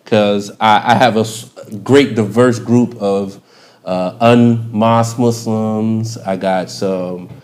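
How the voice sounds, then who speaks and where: A man's voice: fairly low pitch, steady tone, slow, darkish tone. A man hosting a podcast in casual chat, playful and rambling, joking and laughing as he talks. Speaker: podcast host.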